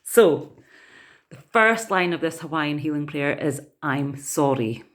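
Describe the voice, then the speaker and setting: A woman, softly guiding listeners through a healing prayer in a relaxed, unhurried way. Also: deep voice. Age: 40s. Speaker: holistic therapist and vlogger. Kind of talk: gentle guided prayer talk.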